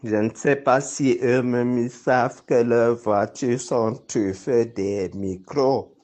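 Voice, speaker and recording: A man's voice: medium pitch, fairly even intonation, slow, darkish tone. A man from Cameroon with a Cameroonian accent speaks informally and insistently, laying out accusations and repeating himself for emphasis. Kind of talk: informal spoken exposé with accusations.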